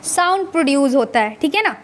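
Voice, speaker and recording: A woman giving a grammar lecture, asking the class questions and answering them herself, often adding a tag question, and drawing out sounds slowly to show how they are said. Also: sits high, animated. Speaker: Hindi grammar teacher.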